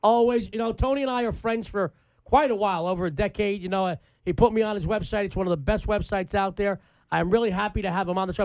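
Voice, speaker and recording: A man's voice: high-pitched, poor audio. A man hosting an AM sports talk radio show in a punchy announcer style with repeated catchphrases.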